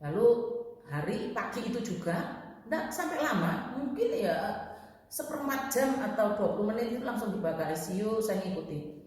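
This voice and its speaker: A woman's voice: medium pitch, lively intonation, normal speed, a little mellow. A woman preaching at a church prayer meeting, retelling a story with emotion and often addressing her listeners directly. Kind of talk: sermon with a retold story. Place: church hall. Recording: echoey church hall, long reverb.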